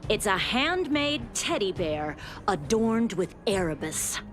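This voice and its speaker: A formal game auctioneer. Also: female voice, mid-range voice, big pitch swings, takes it slowly, music in the background. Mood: announcing. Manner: formal announcing. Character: brisk, formal female auctioneer. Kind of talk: video game voice acting.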